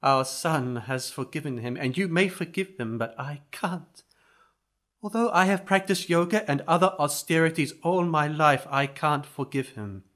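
An elderly sage in mourning, solemn and unyielding, put on by a man. His voice sits mid-high and stays grave. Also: expressive, normal speed, fairly bright tone. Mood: stern. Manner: stern and solemn. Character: grieving elderly sage father, man, unforgiving.

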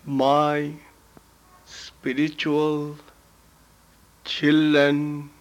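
A man speaking as a spiritual teacher, delivering a solemn, measured devotional message. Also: fairly high pitch, completely flat delivery. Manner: solemn, measured, deliberate recitation.

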